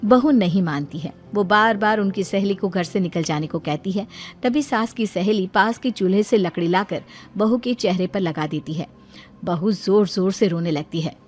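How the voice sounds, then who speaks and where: A woman's voice: medium pitch, normal speed, a little mellow, faint music behind. Woman narrating a dramatic story.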